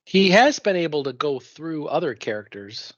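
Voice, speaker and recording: A man's voice: fairly high pitch, sing-song, normal speed, dry recording. A man playing a tabletop game, casually discussing rules on a slightly dull lo-fi microphone.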